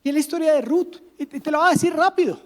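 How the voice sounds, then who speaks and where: Male pastor, Colombian accent, animated sermon delivery with humor. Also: extremely high pitch, very fast. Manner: animated preaching with rhetorical questions and humor.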